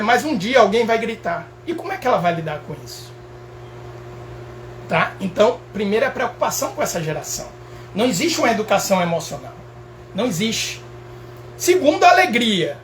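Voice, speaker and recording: A Brazilian man with a Brazilian Portuguese accent, a professor giving a casual motivational talk in an animated, emphatic way, repeating phrases and checking in with his listeners. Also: high-pitched, slight background noise. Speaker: professor and speaker.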